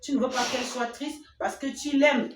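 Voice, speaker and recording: A woman's voice: sits high, fairly even intonation, moderate pace. A woman with a Cameroonian French accent teaching a children's Sunday school lesson, asking the children questions and acting out little scenes between a child and its mother. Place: church hall. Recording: echoey hall from far off, faint noise.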